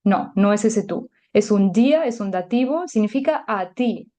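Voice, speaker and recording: Mellow-voiced woman teaching a language. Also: medium pitch, lively intonation, normal speed. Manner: chatty and explanatory, many filler words. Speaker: German teacher. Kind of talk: podcast language lesson.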